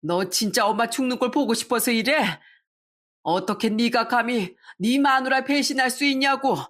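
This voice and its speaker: A woman voicing an older mother-in-law who scolds and shouts in commanding bursts, reading a story aloud. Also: medium pitch, normal speed, close to an everyday voice. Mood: furious scolding.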